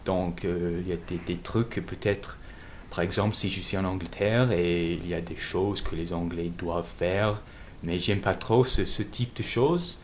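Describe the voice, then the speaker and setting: Un homme venu d'Angleterre, de langue maternelle anglaise, qui répond en interview d'un ton hésitant en cherchant ses mots. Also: male voice, low voice, a little hiss or hum. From England. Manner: halting, searching for words. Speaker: guest. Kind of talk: interview answers.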